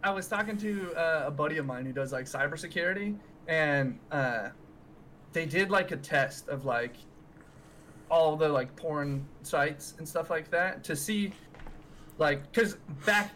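Male podcast co-host, American, young, slightly high bright voice, casual frat-bro banter full of slang. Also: measured pace, a little hiss or hum. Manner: frat-bro slangy, swearing, peppered with "dude" and "bro".

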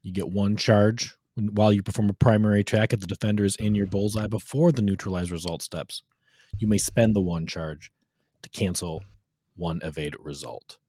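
A man joins a casual game podcast and explains rules with dry humor. His voice sits very low and husky. The sound is close and dry. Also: normal speed, warm tone, dry recording. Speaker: podcast guest.

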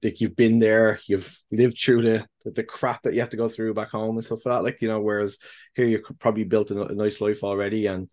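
A man co-hosting a podcast, talking casually in halting bursts full of restarts and fillers, with casual swearing. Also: on the low side, little pitch movement, a little mellow. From the UK and Ireland. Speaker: podcast co-host. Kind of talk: casual chat.

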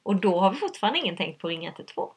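A woman's voice: mid-range voice, sing-song, husky. A woman telling a personal story in conversation, hesitant and earnest, with many fillers. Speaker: guest.

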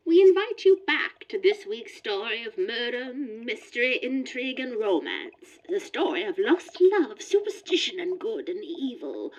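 A woman's voice: fairly high pitch, very animated, a little slow, few pauses, rough recording. A woman announcing an old radio mystery serial with dramatic, ominous delivery. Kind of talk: 1940s radio acting.

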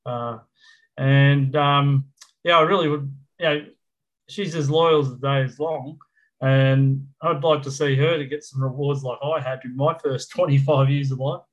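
A man's voice: medium pitch, steady tone, measured pace. A middle-aged Australian man chatting casually about football as a fan co-host, talking in a blokey, slangy manner like an Aussie tradesman. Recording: dull lo-fi voice channel.

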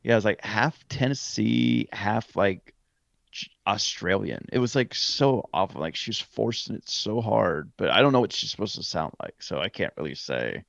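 A man's voice: fairly low pitch, animated, normal speed, vocal fry, fairly bright tone, dry recording, highs cut off. A man co-hosting a podcast, telling a rambling trip story in casual chat and correcting himself as he goes. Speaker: podcast co-host.

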